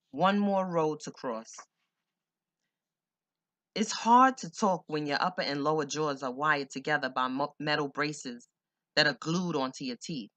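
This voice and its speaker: A man's voice: a little high, pushed and bright, no room sound. A man reading a first-person memoir audiobook in a blunt, streetwise, profane way. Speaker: audiobook narrator.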